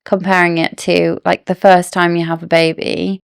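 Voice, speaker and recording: Woman, lowish voice, gravelly fry, dry close sound, chatty theorizing co-host. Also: little pitch movement, moderate pace, no room sound. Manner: speculative, musing over plot theories. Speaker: podcast co-host. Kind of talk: casual book discussion.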